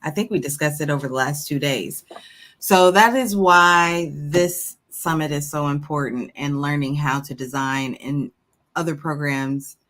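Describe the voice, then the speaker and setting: A woman with a very deep voice talks in a casual, explanatory chat. She leans on her key points as she lays things out for listeners. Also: measured pace, a bit bright. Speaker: crafting livestream panelist.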